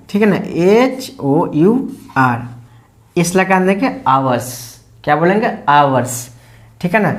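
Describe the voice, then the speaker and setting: This is a teacher talking a class through a lesson at a steady middle pitch. They keep firing off little check-in questions and then answering them, and they repeat the key words slowly and patiently. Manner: quizzing tone, constantly asks "ठीक है ना?" and answers own questions; slow, repetitive step-by-step explanation. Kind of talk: explaining English lesson to students.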